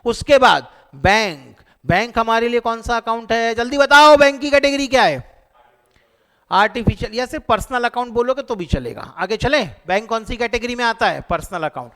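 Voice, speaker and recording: A man teaching an accounting lecture to a class, animated and joking as he quizzes his students. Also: extremely high pitch, normal speed. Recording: long hall reverb.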